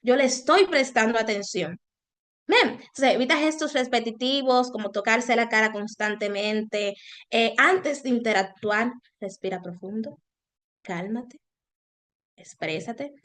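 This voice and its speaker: A woman leads an online webinar in a high voice. She talks straight to her participants, and her delivery is expressive, moving between louder and softer passages and changing her intonation as she goes. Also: measured pace. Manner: expressive, varies loudness and intonation on purpose. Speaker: webinar presenter.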